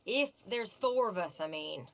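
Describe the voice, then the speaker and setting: A woman's voice: medium pitch, lively intonation, a little slow, fairly bright tone. A woman playing a bold, teasing American outlaw in a Western video game, with a sassy, theatrical manner. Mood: confident, teasing.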